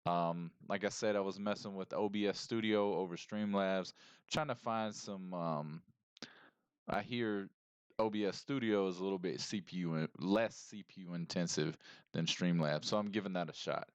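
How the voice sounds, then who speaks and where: A deep, low-pitched man in his thirties talks to his stream chat through a headset mic, rambling and chatty, greeting viewers one by one. The livestream audio is close and dry, with a smooth, clean tone. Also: steady tone, normal speed, no room sound.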